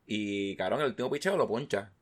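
A man, casually chatting as a podcast co-host and telling animated stories, swearing constantly and mimicking the people he talks about. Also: lowish voice, a little fast. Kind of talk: casual chat.

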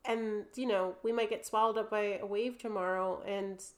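A woman's voice: medium pitch, steady tone, moderate pace. A young adult woman with a New Jersey accent, an artist talking casually as a podcast guest, chatty and full of fillers.

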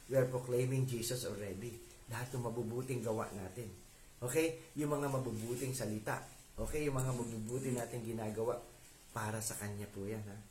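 A man's voice: medium pitch, a little mellow. Echoey man preaching casually. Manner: conversational, asks listeners to agree. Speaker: lay preacher. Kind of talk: informal sermon mixing Filipino and English. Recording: echoey room with faint background noise.

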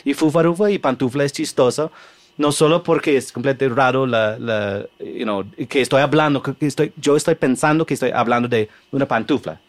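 A man from the United States with an American accent, a comedian guest on a podcast explaining his craft in halting Spanish, slipping in English fillers. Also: medium pitch. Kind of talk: casual podcast conversation.

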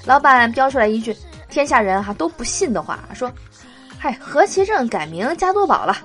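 A woman's voice: sits high, big pitch swings, normal speed, fairly bright tone. Young woman host reading out jokes, bouncy voice going up and down, cheery, a bit of music under her.

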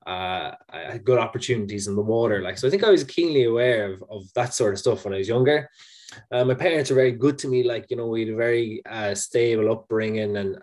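Podcast guest: man, thirties, west of Ireland Mayo accent, lowish pitch, reflective casual storyteller. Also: a little mellow. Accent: Irish, County Mayo. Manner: reflective, conversational, peppered with "you know" and "man". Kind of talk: casual interview, personal storytelling.

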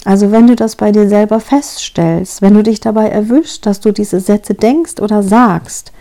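A woman's voice: medium pitch, moderate pace, mellow. A woman hosting a show, giving direct and reassuring parenting advice straight to her listeners. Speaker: parenting coach and podcast host.

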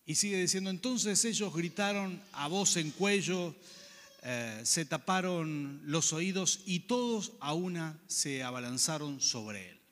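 A man's voice: a little high, lively intonation, a little slow, fairly bright tone, in a large hall. A man preaching a sermon, earnest and conversational, often asking the listeners questions.

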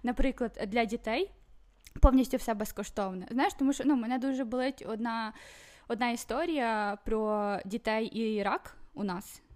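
A high-pitched woman talks in relaxed, casual conversation. She rambles with many fillers, "well"s and broken-off restarts. She speaks as a guest on a chat podcast. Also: moderate pace. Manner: chatty, full of fillers and restarts. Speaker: podcast guest living in Sweden.

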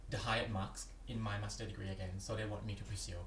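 A young Thai man, a PhD candidate appearing as a podcast guest, answers interview questions earnestly and plainly in a Thai accent, frequently tossing in "yeah" and "yep." He speaks fast, with a lowish, slightly bright voice and little pitch movement. The recording is roomy and distant from the mic, with faint background noise.

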